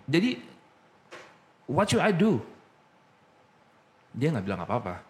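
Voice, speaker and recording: A man casually telling his personal story as a guest, slipping English phrases into his talk and getting animated as he recounts. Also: fairly high pitch, takes it slowly.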